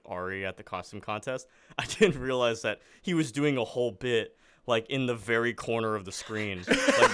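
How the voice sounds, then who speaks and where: A man's voice: medium pitch, a bit bright, clean tone, dry recording. A young man hosting a casual podcast chat, laughing often and filling his sentences with "like". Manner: laughs often, lots of "like" fillers. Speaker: podcast host.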